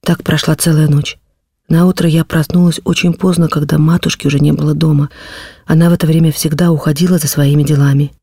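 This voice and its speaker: A woman's voice: deep voice, level tone, brisk, mellow, slightly rough, no room sound, clean studio sound. A woman reading a classic novel aloud as an audiobook, narrating in the first person with feeling.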